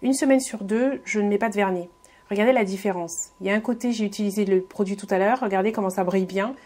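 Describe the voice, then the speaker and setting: A fast-talking woman with a mid-range, darkish voice gives a casual beauty tutorial voice-over. Friendly and speaking directly to viewers, the vlogger still sounds hesitant, peppering her talk with fillers and restarts.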